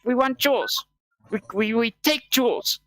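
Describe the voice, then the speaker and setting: Woman doing a cute squeaky goblin. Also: normal speed, fairly bright tone, no room sound, natural voice. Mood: demanding. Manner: broken simple grammar, repetitive.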